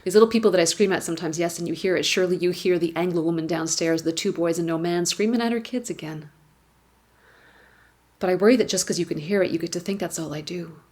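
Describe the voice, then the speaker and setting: A woman's voice: on the low side, quick pace, darkish tone. A woman, reading her own personal essay aloud on stage, wry and candid, with swearing and emphatic repetitions. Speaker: writer reading her work at an awards gala. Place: stage at a gala event.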